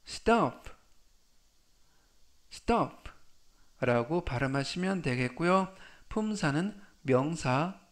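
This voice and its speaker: A man teaching English vocabulary in a scripted lesson. He repeats each word three times and explains its meaning step by step. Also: fairly high pitch.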